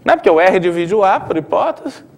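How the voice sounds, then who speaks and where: A middle-aged math professor with a Brazilian Portuguese accent works through a proof at the blackboard, thinking aloud and checking in with frequent tag questions. His high, creaky voice is very animated, and he talks fast as he explains.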